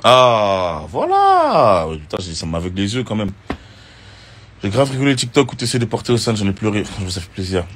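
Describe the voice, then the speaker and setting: A reality TV contestant, a man, chatting casually on social media and answering viewer questions in a relaxed, slangy way. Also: fairly low pitch, brisk, a little hiss or hum. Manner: relaxed and slangy, with many fillers.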